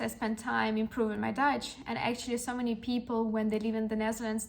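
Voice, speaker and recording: With a fairly high, creaky voice, a woman in her twenties hosts a podcast and recounts something personal. Her reflective storytelling is earnest and supportive, full of restarts.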